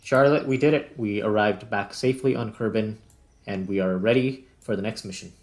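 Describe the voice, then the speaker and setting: A man whose voice sits on the low side, with a darkish tone and moderate pace, runs a gaming channel. He chats casually about the gameplay and voices his thoughts as he goes, recorded cleanly without background noise.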